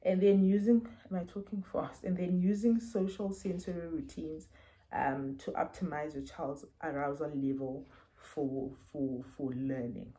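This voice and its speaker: A South African woman talks through a book review in a casual, earnest way, stopping often to give examples. Her voice sits low, with a soft, mellow tone. The sound comes through wireless earbuds. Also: steady tone, a little slow, low-quality recording. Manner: earnest, explanatory, gives examples. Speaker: parent reviewing books.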